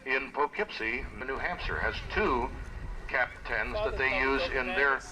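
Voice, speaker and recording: A man's voice: mid-range voice, a little slow, pushed and bright. A man giving folksy live airshow commentary, counting off and calling out maneuvers as they happen. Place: outdoor airshow. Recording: noisy outdoor PA with aircraft engines. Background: propeller aircraft engine noise.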